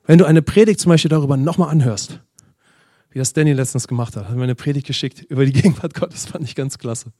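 A man's voice: medium pitch, warm tone, no echo, studio quality. A man preaching a sermon, asking the congregation questions and repeating amens. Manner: reads scripture slowly with rising emphasis. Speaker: pastor.

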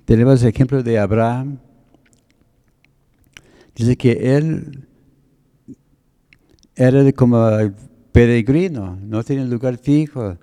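A man preaching, taking his time as he explains words one by one. His voice is very dark and mellow, sitting at an ordinary pitch for a man. He speaks slowly and deliberately. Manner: slow, deliberate, explains word meanings. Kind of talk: sermon teaching.

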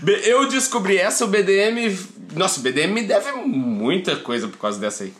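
A man tells stories as a podcast guest. His pitch sits a touch high and swings widely as he acts out each line of dialogue. He laughs often between lines. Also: very animated, fairly quick, a bit bright, slight background noise. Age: 30s. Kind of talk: laughing anecdotal storytelling.

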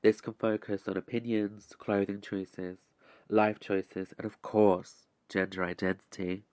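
A man hosting a scripted relaxation podcast, speaking in a measured, deliberate way with arch, formal phrasing and dry wit. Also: on the low side, level tone, darkish tone, no echo. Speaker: podcast host.

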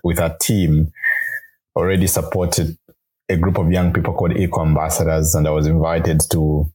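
A man's voice: a bass voice, little pitch movement, normal speed, dark tone, slightly rough. A young man from Zambia, a grad student and radio producer, speaking as a guest in a podcast interview in an earnest, upbeat way, explaining at length. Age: young adult.

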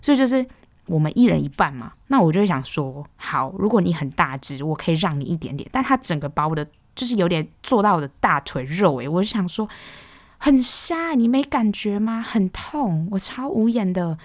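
A young woman with a Taiwanese Mandarin accent, hosting a podcast and ranting in a casual, exasperated, animated way. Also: on the low side, a little fast, no room sound. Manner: exasperated, animated, exclaims loudly. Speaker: podcast host.

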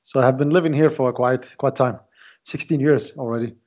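A man in his late twenties, originally from Iraq, talking as a podcast guest in a halting way, often repeating words as he searches for them. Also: mid-range voice, fairly even intonation, darkish tone. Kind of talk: casual interview talk. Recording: dull lo-fi audio.

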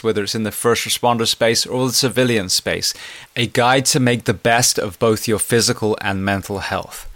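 Enthusiastic male podcast host, lowish voice, dry close-miked sound. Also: fairly bright tone, no echo. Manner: enthusiastic, conversational. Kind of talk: podcast interview.

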